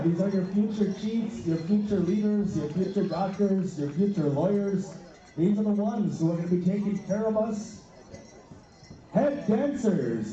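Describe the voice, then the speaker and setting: A male powwow emcee with a high, very mellow voice addresses dancers and singers in a folksy, exhorting style. His announcements carry through an echoey arena sound system, picked up from far off. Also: lo-fi sound. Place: powwow arena, heard over a public address from a distance.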